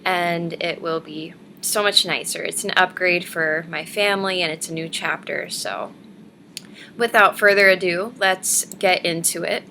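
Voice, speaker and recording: A woman gives a casual, chatty vlog update in a bright, forward voice that sits a little low. She rambles along to camera at home, with faint noise in the recording. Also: fairly even intonation, a little slow. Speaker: vlogger hosting a personal denture diary. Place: living room at home, indoors. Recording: noisy webcam room recording.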